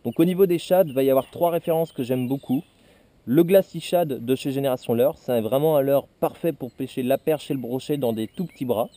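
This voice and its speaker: A man explaining fishing lures in a casual tutorial, pausing often with hesitations. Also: medium pitch, warm tone. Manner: explanatory, frequent "euh" hesitations. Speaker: fishing channel host. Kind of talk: casual gear presentation.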